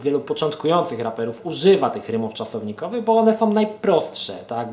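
Guy rambling rap tips to his viewers, lots of ums and restarts, middle pitch, roomy echo. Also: a little mellow. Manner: hesitant, many filler sounds and restarts, addresses viewers affectionately. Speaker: amateur rapper and vlogger running a verse contest. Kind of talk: casual advice monologue to viewers.

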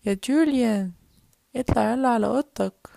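A woman voicing a calm, patient father toy figure with an Egyptian Arabic accent, speaking low and coaxing in a dry, close recording. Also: fairly quick, creaky, dry recording.

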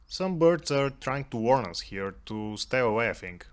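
A man narrates his cat's outdoor walk in a calm, even voice. His humor is dry and low-key, and his pitch sits in an ordinary middle range. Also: moderate pace. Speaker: cat vlogger narrating a hike.

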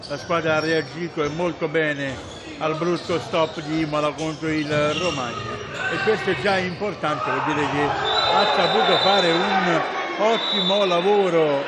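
A man giving live handball commentary, pausing as he searches for names and words. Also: fairly high pitch. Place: indoor sports hall, at courtside. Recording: loud sports hall noise, bouncing balls. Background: loud gym ambience and ball bounces.

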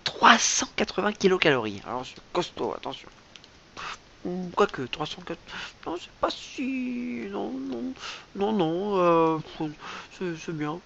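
A man's voice: high-pitched, big pitch swings, takes it slowly, gravelly, bright, forceful tone. A man rambling through a mock-serious improvised comedy monologue, stammering and repeating himself, recorded lo-fi with faint hiss. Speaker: comic vlogger.

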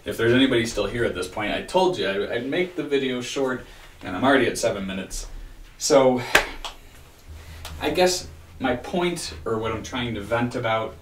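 A man in his thirties giving a casual, rambling video-diary rant, weary and frustrated, with halting restarts. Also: mid-range voice, slight background noise. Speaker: vlogger. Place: small home room with bookshelf, indoors. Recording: roomy echo, distant microphone.

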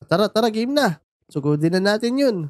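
Filipino man, high and dry, excitable cartoon banter, repeats himself in bursts. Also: brisk, no echo. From Philippines. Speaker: voice of a Minecraft cartoon character. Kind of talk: playful scripted banter.

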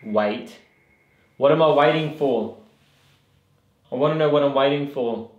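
A man's voice: medium pitch, unhurried, muffled recording. A man in his thirties questioning unseen spirits insistently and commenting to camera in a bare basement during a ghost investigation. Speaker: paranormal investigator. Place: bare basement indoors at night. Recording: echoey basement room.

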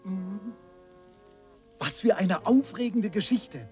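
A man's voice: high voice, expressive, slow pace, mellow. A man voicing an inquisitive, admiring, bookish journalist who speaks formally in a dubbed cartoon. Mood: eager, curious. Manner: formal, eager questioning. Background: music.

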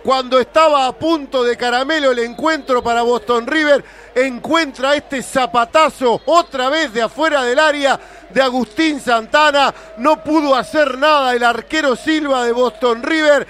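A man's voice: very high-pitched, moderate pace, fairly bright tone. A Uruguayan man giving emphatic colour commentary on a live radio football broadcast.

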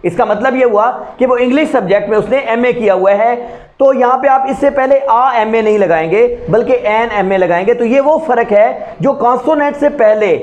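A man gives a spoken-English grammar lesson in a high voice. He explains each rule step by step and keeps putting questions to his students. He speaks as a teacher recording a lesson video. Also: darkish tone.

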